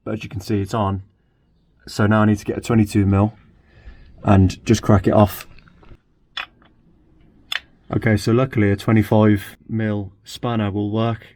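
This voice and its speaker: A man's voice: fairly low pitch, little pitch movement, moderate pace, pauses often, darkish tone. A man hosting a casual car repair vlog, chatting and thinking aloud with dry asides as he works in a garage. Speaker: car repair channel host.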